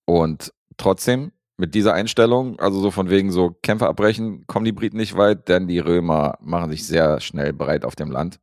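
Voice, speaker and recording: A man co-hosting a podcast, reviewing a film in a relaxed, rambling way with lots of fillers. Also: deep voice, normal speed, hardly any pauses, no echo, studio quality. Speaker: podcast co-host reviewing films. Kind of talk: casual chat.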